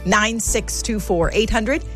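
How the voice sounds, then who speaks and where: A woman with a smooth radio host delivery, her voice sitting at an ordinary middle pitch. She reads names and numbers in a calm, even cadence. Soft music plays faintly behind her in the studio. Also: slow. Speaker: radio co-host of a listener fundraiser.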